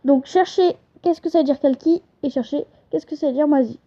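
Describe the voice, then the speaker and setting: A young woman with a high voice teaches a casual lesson at home, chatty and a little hesitant, stopping to correct herself. The recording is dull and lo-fi. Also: a little fast, mellow. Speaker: channel host teaching an invented language.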